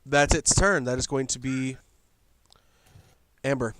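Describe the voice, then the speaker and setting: Man, game master, smooth clear voice, dry close sound, brisk rulings. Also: medium pitch, fairly bright tone, no room sound. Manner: brisk, matter-of-fact rulings. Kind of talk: running a tabletop game.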